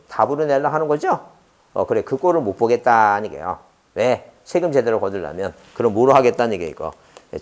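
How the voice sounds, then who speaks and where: A man's voice: mid-range voice, darkish tone. A man lecturing a law exam class, firing rhetorical questions and answering them himself while repeating key terms.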